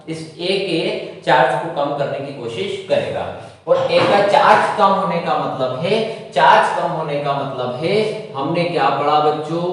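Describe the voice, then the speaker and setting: A hoarse male teacher explains a lesson, asking his students question after question and then answering them himself. His voice sits a little high for a man. It reaches the mic from a distance and rings through a large, echoing room. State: sore throat. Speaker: physics teacher. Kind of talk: classroom lecture. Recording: echoey hall, voice from far off.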